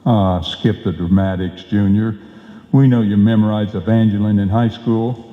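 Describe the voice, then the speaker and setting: In an old-time radio comedy performed live, a man plays a bumbling, boastful husband, tossing off folksy, slangy wisecracks in a dismissive way. His voice is on the low side and close to everyday, with fairly even intonation and a moderate pace. The reverberant hall gives the recording an echoey, dull live-stage sound.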